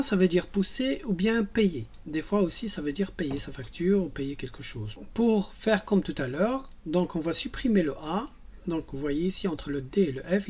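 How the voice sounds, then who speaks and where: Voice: medium pitch, breathy edge. A teacher giving a language lesson in French, patiently spelling out and repeating each verb form. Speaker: Arabic teacher.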